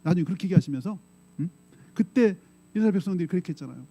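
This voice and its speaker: A man's voice: sits high, lively intonation, very fast, mellow, no echo. A middle-aged male pastor preaching a sermon in a conversational way. He often checks in with the congregation and acts out quoted voices. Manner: acts out quoted voices in short dramatic bursts. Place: church sanctuary.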